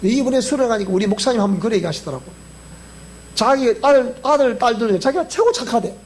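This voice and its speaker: Male pastor, Gyeongsang accent, sermon delivery with a swooping, highly expressive pitch. He quizzes the congregation, with faint hiss underneath. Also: quick pace. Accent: Gyeongsang Korean. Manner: animated, keeps quizzing the congregation. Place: church sanctuary.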